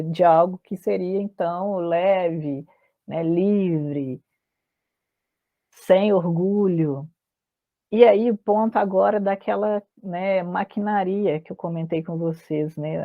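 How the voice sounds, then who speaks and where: A woman teaching a literature class, reading passages aloud and often pausing to say "né". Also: fairly low pitch, creaky, dry recording. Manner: frequent filler "né", halting restarts. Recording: dry, tinny phone-like audio.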